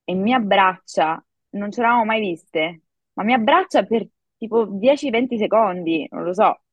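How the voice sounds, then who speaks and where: A woman in her thirties, an actress and acting coach, telling a story in a lively podcast chat, full of fillers. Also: mid-range voice, normal speed, slightly rough, no room sound. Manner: animated storytelling with many fillers. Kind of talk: casual podcast conversation.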